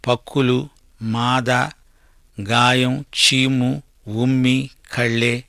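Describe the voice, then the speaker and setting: A man's voice: mid-range voice, creaky, fairly bright tone, no room sound, studio quality. A man preaching a sermon, reading out Bible verses and then putting pointed questions straight to his listeners.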